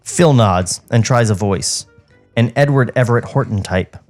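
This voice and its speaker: The medium-pitched, darkish voice belongs to a male podcast co-host reading a script at normal speed in a studio. Background music accompanies him as he moves between narrating and chatting casually.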